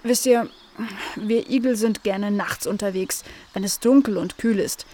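A woman's voice: warm tone, slight background noise, close to an everyday voice. Woman doing Spike, a sleepy hedgehog. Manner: slow, drowsy, low-key. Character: sleepy male hedgehog, calm and polite.

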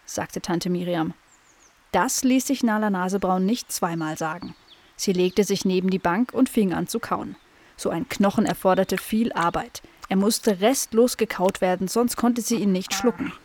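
Woman, children's story narrator, calm and clear, medium pitch.

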